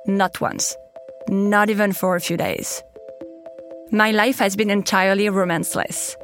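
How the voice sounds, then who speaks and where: A woman's voice: mid-range voice, fairly even intonation, unhurried, fairly bright tone, soft background music. A woman in her thirties with a French accent, host of a podcast, telling her own story in candid scripted narration. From France. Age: 30s.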